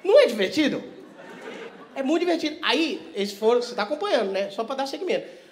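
Stand-up comedian, crowd work, profane and teasing, lively swings from hushed asides to loud bursts. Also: male voice, very high-pitched, fast talker, slight background noise. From Vitória, Brazil. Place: comedy stage before a live audience.

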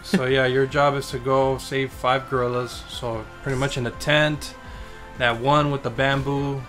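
A man's voice: medium pitch, flat delivery, unhurried, fairly bright tone, faint music behind. A man casually recapping a video game while playing, rambling and joking with lots of swearing, and saying he is tired. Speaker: gameplay commentator. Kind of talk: casual let's-play recap.

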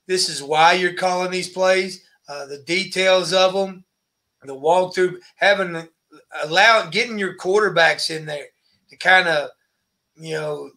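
A man's voice: on the high side, creaky, bright, forceful tone. A man, a football coach, chatting over a video call, searching for his words with many fillers. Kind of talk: casual interview chat.

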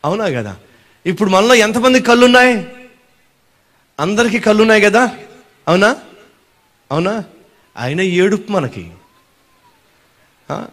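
A male pastor preaching a sermon, animated and firing questions at his congregation. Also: sits high, measured pace, long pauses.

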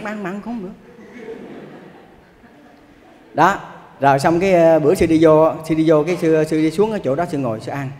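A Buddhist monk, a man, delivers a dharma talk in a meditation hall. His voice sits slightly high, and he teaches in a folksy, storytelling way. The recording carries a long, lingering hall reverb. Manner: folksy, conversational storytelling with rhetorical questions. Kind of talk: sermon.

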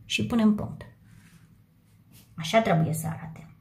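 A woman teaching a handwriting lesson to first graders, speaking slowly and spelling words out letter by letter. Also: medium pitch. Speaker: primary school teacher. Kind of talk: slow handwriting lesson for young children.

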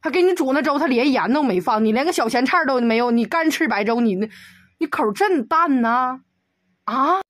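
Woman, comedic rant, rapid rhetorical questions, higher-pitched, dry sound. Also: expressive, dry recording. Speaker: video commentator.

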